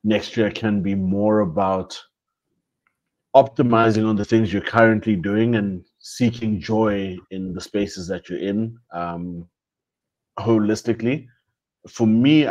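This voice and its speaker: A young co-host on a podcast speaks in a fairly low, slightly mellow voice with fairly even intonation and a measured pace. His chat is casual and thoughtful, full of restarted phrases and slang, and the recording is dull and lo-fi.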